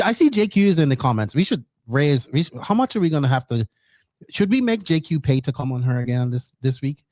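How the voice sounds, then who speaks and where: A man co-hosting a casual podcast, excitable, swearing and whooping with enthusiasm. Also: fairly high pitch, dry recording, clean studio sound. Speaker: podcast co-host.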